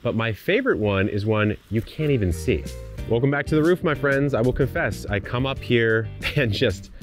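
A man's voice: medium pitch, animated, moderate pace, faint music behind. A man in his thirties, hosting a gardening channel, explains his yard systems outdoors in an enthusiastic, friendly walkthrough on a lapel mic. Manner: friendly, enthusiastic explainer, gesturing while walking around. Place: outdoors in a suburban yard and on a rooftop.

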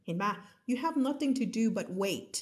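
A woman English teacher on a live stream, reading a story slowly and explaining it in chatty, laughing asides. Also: a little high, big pitch swings, darkish tone. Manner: reads English text slowly, explains in quick Thai; laughs often, chatty with viewers.

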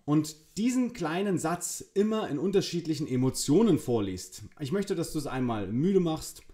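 A man's voice: fairly high pitch, very animated, moderate pace, dark tone. A man hosting a demo video, enthusiastically giving spoken commands and commenting on the results. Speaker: host. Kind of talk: tech demo presentation.

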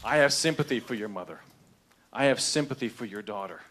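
A man in his thirties with a medium-pitched, fairly bright, slightly rough voice speaks briskly and with animation. Holding a handheld microphone in a large, crowded indoor meeting room, he confronts his congressman at a town hall in an angry, impassioned speech that keeps rising in emotion.

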